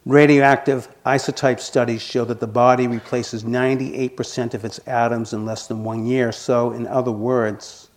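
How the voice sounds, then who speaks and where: 60-something meditation teacher doing a dharma talk, jokes about himself a lot, mid pitch. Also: male voice. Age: 60s. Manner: gently humorous, self-deprecating.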